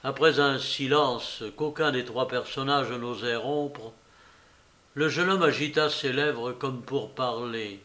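A man reading a novel aloud in a measured, expressive way. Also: mid-range voice. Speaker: audiobook narrator.

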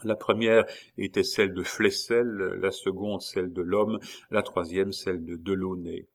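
A man narrates a historical novel in a measured, dramatic reading. His voice sits on the low side and he paces the sentences with care. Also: fairly even intonation. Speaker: audiobook narrator. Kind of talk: scripted narration.

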